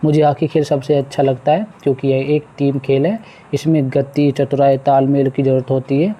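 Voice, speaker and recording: Speaking at a moderate pace in a dark, mid-range voice with little pitch movement, a man teaches a class. He patiently explains a textbook exercise to his pupils, repeating words as he works through it.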